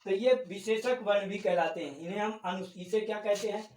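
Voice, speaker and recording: Brisk and high-pitched with a darkish tone, a man delivers a classroom-style Hindi grammar lesson far from the mic in an echoey room. He breaks things down step by step, repeats the key terms, and asks the class questions that he answers himself.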